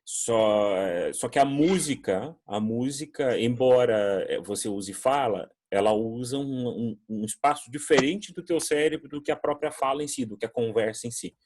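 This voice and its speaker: A man from Brazil teaches an online English class in a chatty, animated way. His voice sits in a middle register, and he slips into little acted-out voices when quoting people. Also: mid-range voice, moderate pace, hardly any pauses. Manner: conversational, animated, acts out quoted voices. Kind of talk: online class answering student questions.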